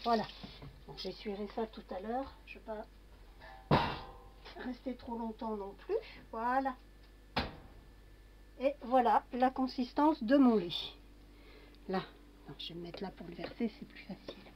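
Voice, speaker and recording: A woman's voice: a little high, a little slow, pauses often, noisy background. A woman casually talking through a kitchen demonstration, narrating each step with little fillers. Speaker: home cooking vlogger. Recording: dull lo-fi home recording.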